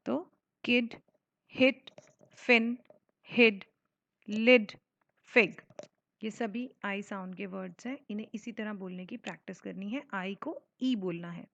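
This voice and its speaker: Woman teacher sounding out short words bit by bit, slow pace, dull dry recording. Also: medium pitch, vocal fry, a bit bright, no room sound. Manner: sounds out words slowly letter by letter. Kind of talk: phonics lesson for children.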